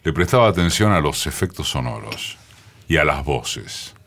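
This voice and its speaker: A man in his sixties with a Rioplatense accent and a booming, forceful deep voice, telling his story in a radio studio interview with many pauses. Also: sing-song, vocal fry. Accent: Rioplatense Spanish. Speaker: radio journalist guest. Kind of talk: reminiscing interview talk.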